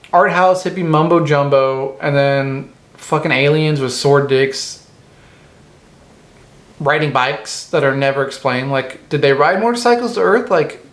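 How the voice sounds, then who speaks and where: Man, angry comic movie rant, swears constantly, fairly high voice, roomy echo. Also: fairly bright tone. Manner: angry, profane ranting. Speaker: movie reviewer. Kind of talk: comedic ranting movie review.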